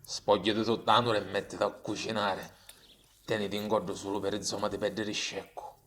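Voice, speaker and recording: A man's voice: fairly low pitch, level tone, a little fast, fairly bright tone, slight background noise, lightly acted. A man playing a broke, cheeky working-class husband in a comic dub, speaking broad Sicilian dialect from Catania. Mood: defensive.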